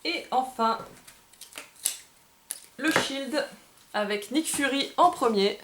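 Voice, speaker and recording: A woman's voice: high voice, slow pace. Chatty woman unboxing a game, roomy sound. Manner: chatty, hesitant, self-correcting while handling cards. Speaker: game bar host. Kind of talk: casual unboxing video. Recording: roomy with faint background noise.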